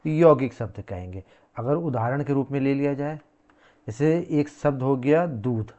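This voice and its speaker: Male teacher, lecture style, repeats and quizzes the class; warm dark tone. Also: medium pitch, lively intonation, measured pace, muffled recording. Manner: repeats key words, quizzing the class with questions.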